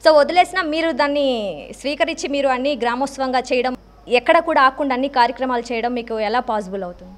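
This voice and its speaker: A woman reporter puts polite, brisk questions to her interviewee. She talks quickly in a high voice.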